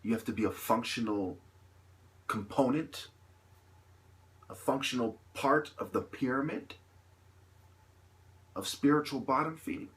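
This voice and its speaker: A man vlogs an impassioned, unscripted opinion monologue, halting as he goes, repeating his points and asking rhetorical questions. His voice is medium-pitched with a fairly bright tone.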